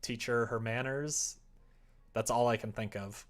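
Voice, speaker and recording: This man is streaming live as he develops a visual novel, casually chatting, muttering and rambling with jokes thrown in. He talks a little slowly in a steady tone at a medium pitch.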